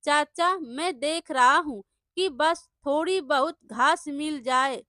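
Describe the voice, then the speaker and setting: A humble, soft-hearted poor farmer, voiced by a woman storyteller, speaks in a pleading way. The voice is high and bright and the delivery is unhurried. The sound is dry and close. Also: dry recording, heavily acted.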